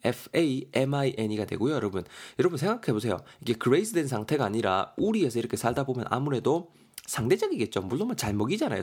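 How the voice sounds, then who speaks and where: Lively male teacher. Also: mid-range voice, husky. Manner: animated, playful, jokey. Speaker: English vocabulary teacher. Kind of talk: online lesson.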